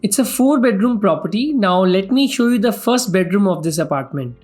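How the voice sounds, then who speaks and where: A man's voice: high-pitched, lively intonation, a little fast, darkish tone. A man with an Indian accent giving a formal, scripted property tour as a vlog host, in a salesman-like way. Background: background music.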